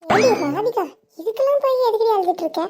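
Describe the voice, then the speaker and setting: Child as a chatty middle-aged mother, soothing and scolding, very high voice, fast. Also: animated, darkish tone. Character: caring middle-aged mother, fussy and teasing.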